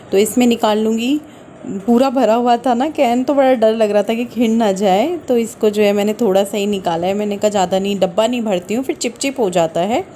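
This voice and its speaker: A woman's voice: medium pitch, a little mellow, a little hiss or hum. A middle-aged woman from North India narrating a casual home vlog, chatting and explaining each step while she cooks. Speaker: vlogger. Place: home kitchen.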